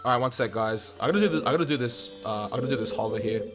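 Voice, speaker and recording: Talking rapid-fire over loud background music, this young Australian speedrun streamer keeps up a chatty, laid-back livestream commentary. His pitch is mid-range, and he addresses viewers as "mate" and "dude."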